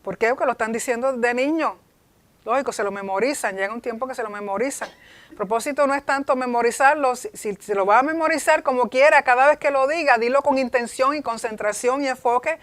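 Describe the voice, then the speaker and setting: A woman's voice: fairly high pitch, brisk, no echo. A woman pastor teaching a class in an earnest way, often repeating herself and restarting her phrases.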